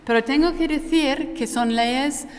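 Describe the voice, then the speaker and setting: A woman's voice: sits high, unhurried. Echoey hall, woman with non-native Spanish accent. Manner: hesitant delivery with frequent self-corrections. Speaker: panel moderator. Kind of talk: conference panel introduction. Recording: echoey hall with long cathedral-like reverb.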